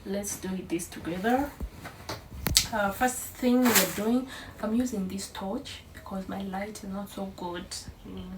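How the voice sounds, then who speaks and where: A woman's voice: mid-range voice, fairly even intonation, unhurried, heavy background noise. Tired chatty young woman, echoey and distant. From Uganda. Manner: affectionate, chatty, addresses viewers as guys. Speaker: vlogger mother of twins. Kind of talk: casual family vlog.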